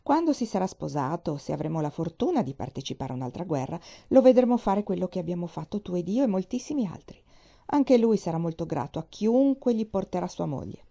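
A woman's voice: on the low side, sing-song, brisk, gravelly, warm tone, full character voice. A woman reading the part of a genial older male admiral, indulgent and teasing.

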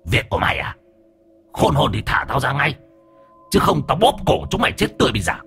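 A man's voice: mid-range voice, very animated, fairly quick, fairly bright tone, husky, soft background music, pitched above the performer's own voice, heavily acted. A man voicing the vicious ghost of an old woman possessing an elderly medium, hissing curses and threats in a half-whisper. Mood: snarling threats. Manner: cursing, threatening.

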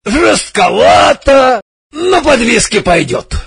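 A man voicing a boisterous middle-aged army major in an audiobook, loud, hearty and bossy. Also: extremely high pitch, sing-song, takes it slowly, creaky, husky, no echo, pitched above the performer's own voice, heavily acted. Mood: mocking, bossy. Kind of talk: audiobook character voice.

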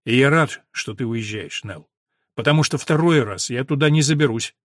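A man's voice: mid-range voice, normal speed, dry recording, lightly acted. A man reading an audiobook, voicing an easygoing young man who speaks dryly and jokingly. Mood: wry. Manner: dry and joking.

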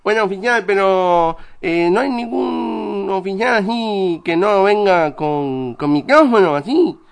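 Man playing a tongue-tied nervous husband, high voice, odd mouthy speech, rambling, radio comedy sketch. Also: expressive, a little slow, gravelly, clear, resonant tone, heavily acted. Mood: pleading. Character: nervous married man caught in a car, short tongue-tie.

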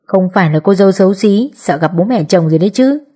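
A woman's voice: mid-range voice, lively intonation, quick pace, warm tone, slightly rough. A woman voicing a lazy, teasing young boyfriend in an audiobook, talking offhandedly. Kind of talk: audiobook character voice.

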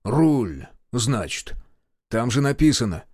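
A man's voice: mid-range voice, sing-song, slow, darkish tone, husky, no echo, clean studio sound, exaggerated voice. Bored gate guard, lazy drawl, read by a male narrator.

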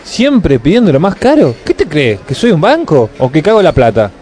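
In a comic radio play, a man with a fairly high, slightly mellow voice and big pitch swings plays a grumpy, stingy, scheming middle-class businessman from Buenos Aires. At a moderate pace and in a Buenos Aires Argentine accent, he gripes and blusters with self-righteous indignation.

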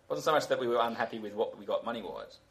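A man's voice: medium pitch, racing, a bit bright, poor audio. A man co-hosting a sports podcast, arguing his point emphatically in casual chat. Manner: emphatic, argumentative.

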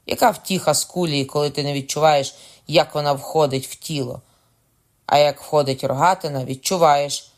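A man voicing a hot-blooded young king who shouts loud, high, strained commands during a boar hunt in an audiobook. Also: fairly even intonation, moderate pace, lightly acted. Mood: scornful.

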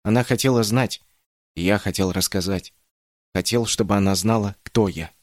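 A man narrating an audiobook in the first person, in a measured, reflective way. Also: on the low side, no room sound, clean studio sound.

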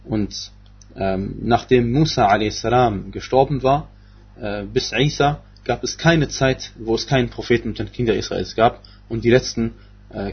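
A man's voice: lowish voice, vocal fry, slightly rough, muffled recording. A man giving a religious lecture on scripture, speaking hesitantly with many fillers and restarts. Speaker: Quran exegesis teacher.

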